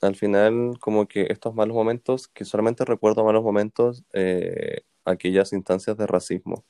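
A man's voice: fairly low pitch, moderate pace, clear, resonant tone, no echo. A young man with a Chilean accent, chatting casually as a podcast co-host, loose and slangy. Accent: Chilean Spanish. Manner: relaxed, loose slang-filled talk. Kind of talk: casual chat.

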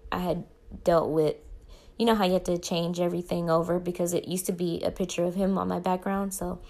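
Young woman vlogging, lowish gravelly voice, kinda rambly, keeps correcting herself. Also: darkish tone. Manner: rambling, self-correcting, faith-focused. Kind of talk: casual personal storytelling.

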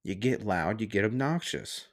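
A man's voice: on the low side, lively intonation, moderate pace. A podcast host, a man, ranting on his own in a heated, sarcastic and profane way. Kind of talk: casual solo rant.

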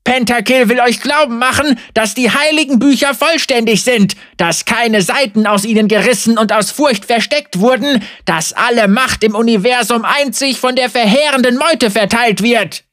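A man's voice: high voice, slow pace, creaky, hardly any pauses, no echo, studio quality, voice pushed up, heavily acted. A man voicing Viego, a fiery young heretic. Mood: fervent. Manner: impassioned, accusing, loud preaching. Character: young fiery male heretic preacher in rags. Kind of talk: audiobook character voice.

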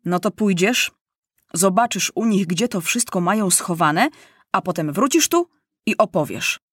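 A woman voicing a smooth, cunning enemy staff officer with a coaxing, persuasive manner, in a storybook reading. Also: mid-range voice, expressive, unhurried, no room sound, clean studio sound.

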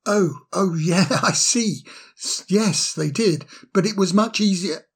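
A man's voice: high-pitched, takes it slowly, breathy edge, exaggerated voice. A man voicing a polite young fire sprite. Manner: polite, hesitant.

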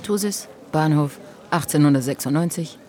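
In a scripted, conversational audio play for a hiking trail, an actress voices a chatty, scatterbrained narrator who playfully strays from her script. Her deep female voice moves at a moderate pace, a little mellow and lightly acted. She sounds musing and animated, hesitant, wandering off into asides.

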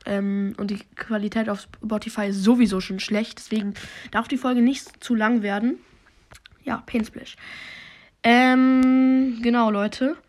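A woman hosting a podcast while playing a video game, commenting casually and swearing, recorded on a low-quality phone microphone. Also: steady tone, a little slow, a little mellow. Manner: slangy, swears, talks to herself and her listeners.

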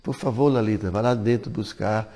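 A man voicing a young goddess who speaks politely and gently gives orders, in a reverberant hall. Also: fairly low pitch, fairly even intonation, normal speed, natural voice. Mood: gracious.

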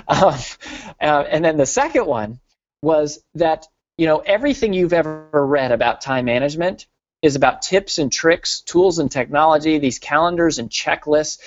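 A man guest on a podcast, explaining his ideas with an energetic, earnest storytelling manner and frequent restarts. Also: fairly high pitch, dry recording. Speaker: podcast guest, business author and consultancy co-founder. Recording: dry, slightly dull podcast audio.

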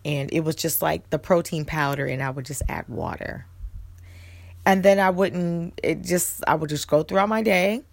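A woman's voice: low-pitched, normal speed, creaky, dry recording. A woman in her thirties telling a personal story in a chatty way, laughing often and acting out what she and others said. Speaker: vlogger. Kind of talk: casual storytelling.

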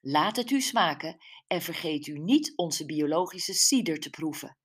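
A woman reads a self-assured, humorous woman from an audiobook. She addresses a crowd in a slow, raised announcing voice. Her voice sits low. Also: expressive, a bit bright, breathy edge, heavily acted. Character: woman welcoming a village crowd, lively and confident.

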